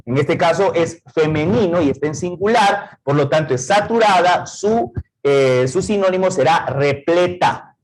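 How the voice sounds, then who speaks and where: A man's voice: a little high, measured pace, a little hiss or hum, rough recording. A middle-aged man with an Ecuadorian accent teaching a verbal reasoning lesson, explaining words step by step and checking in with rhetorical questions. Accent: Ecuadorian Spanish.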